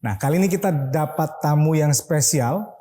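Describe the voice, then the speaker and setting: A man's voice: on the high side, normal speed, mellow. A man with an Indonesian accent hosting a discussion show in a chatty, explanatory, conversational way. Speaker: host of a legal discussion show. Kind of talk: casual, conversational show presenting.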